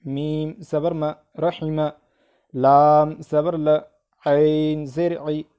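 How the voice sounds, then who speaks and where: A man teaching Quran reading, with an Indian accent. He spells out letters and vowel marks in slow drills and speeds up when he explains a rule. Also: fairly high pitch, little pitch movement, clean tone, highs cut off.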